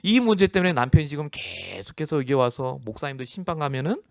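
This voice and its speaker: A man's voice: a little high, big pitch swings, fast talker, creaky, no echo, studio quality. A male pastor delivering a storytelling sermon, acting out the people he quotes and laughing often. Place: church.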